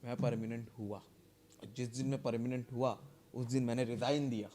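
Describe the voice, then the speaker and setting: A man's voice: medium pitch, normal speed. A man, casually telling a workplace story on a podcast and acting out the lines of the people in it. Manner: animated, acts out quoted dialogue.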